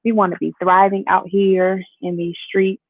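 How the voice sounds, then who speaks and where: A woman's voice: mid-range voice, little pitch movement, moderate pace, gravelly, slight background noise. Chatty woman on tinny livestream audio. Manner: chatty and upbeat, talks to viewers as family. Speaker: beauty livestream host. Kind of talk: casual makeup livestream chat. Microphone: AirPods.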